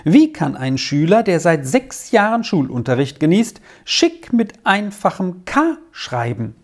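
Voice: mid-range voice, very animated, measured pace, voice pushed up. A reader voicing a pedantic male school headmaster who lectures a pupil indignantly in a letter, in an audiobook. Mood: stern scolding.

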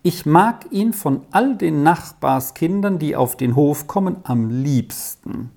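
A reader voicing a chatty, kindly middle-aged gentlewoman who talks in a lively way. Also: mid-range voice, a little slow, vocal fry, pitched above the performer's own voice.

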